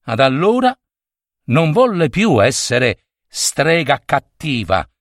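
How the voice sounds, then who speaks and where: Slow, animated male storyteller. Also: a little high, no room sound, studio quality. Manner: theatrical, animated. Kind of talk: expressive storybook narration.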